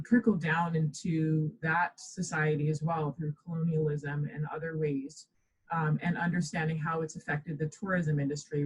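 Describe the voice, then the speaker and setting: A woman from the Bahamas, a professor, speaking thoughtfully as a podcast guest, measured and full of ums. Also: low voice, slightly rough, poor audio. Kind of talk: podcast interview.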